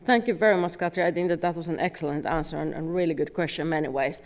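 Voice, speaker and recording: A woman's voice: low-pitched, very fast, darkish tone. Upbeat woman moderating a forum Q&A. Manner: upbeat, encouraging, inviting questions. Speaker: panel moderator. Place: conference hall with live audience.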